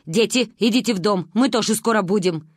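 A woman's voice: medium pitch, a little fast, dry recording, studio quality, close to an everyday voice. A woman reading as a scornful old granny. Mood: commanding. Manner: scornful, cutting. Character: sharp-tongued old grandmother, scornful.

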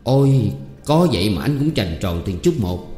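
A man with a Southern Vietnamese accent voicing a sharp-tongued young female servant, coaxing one moment and tart the next, in a storybook reading. The reading sounds like it was made in an echoey hall with faint music behind it. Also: lowish voice, very animated, normal speed. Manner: coaxing, then tart and firm.

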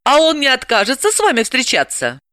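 A woman's voice: high-pitched, wildly swooping pitch, brisk, bright, forceful tone, no echo, clean studio sound, pitched above the performer's own voice, exaggerated voice. A woman reader voicing an indignant, ironic female psychoanalyst. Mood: wary. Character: exasperated sharp-tongued woman psychoanalyst.

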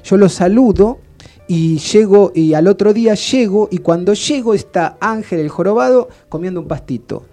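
A man's voice: high-pitched, normal speed, soft background music. Rambling Argentine storyteller man. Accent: Rioplatense Argentine. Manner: rambling, deadpan anecdote with frequent restarts. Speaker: radio storyteller. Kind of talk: comic storytelling on radio. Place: radio studio.

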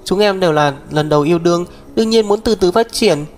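Một người đàn ông đọc truyện, lồng tiếng một cô em gái trẻ bướng bỉnh, hay khóc, nói giọng the thé và phẫn nộ. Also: male voice, fast talker, darkish tone, close to an everyday voice. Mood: defiant. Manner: shrill, indignant, pouting. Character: young woman, stubborn tearful younger sister.

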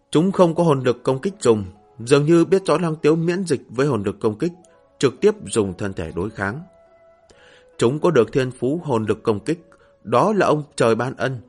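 Male narrator, husky tone, steady read over faint music. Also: medium pitch. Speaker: audiobook narrator. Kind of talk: scripted fantasy novel narration.

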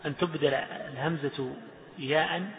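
Male teacher with a slightly high voice. He walks through recitation rules, repeats examples and quizzes the class, recorded in an echoey hall through a tinny line. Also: steady tone, measured pace. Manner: repeats examples, chants verses, asks students questions. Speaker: sheikh teaching Quranic recitation. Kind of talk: classroom lesson explaining Quranic recitation rules.

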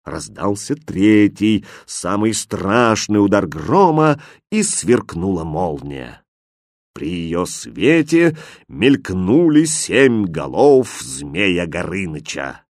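A man reading a fairy tale aloud as narrator, in an expressive, lively storybook style. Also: sits low, takes it slowly, dry recording, clean studio sound.

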